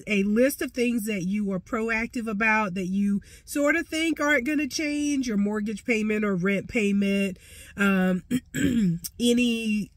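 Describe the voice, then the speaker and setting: A woman's voice: medium pitch, no room sound. A woman finance coach with a stuffy, nasal voice, giving chatty and encouraging advice straight to the camera. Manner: chatty and encouraging, with many fillers. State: congested, nasal voice. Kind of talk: casual direct-to-camera advice.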